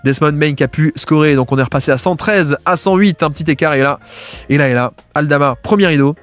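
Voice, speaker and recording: A man giving casual, fast-paced commentary as he breaks down basketball game film, with many fillers and restarts. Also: a little high, soft background music. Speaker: basketball video analyst.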